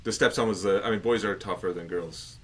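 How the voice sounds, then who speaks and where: A man's voice: sits low, fairly quick, husky. A man, perhaps in his thirties, chatting casually and agreeably. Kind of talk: casual chat.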